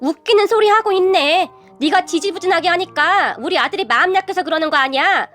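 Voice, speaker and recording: Brief: scornful shouting middle-aged mother, cruel and snobbish, high-pitched, put on by a female narrator. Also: a little fast, soft background music. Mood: angry.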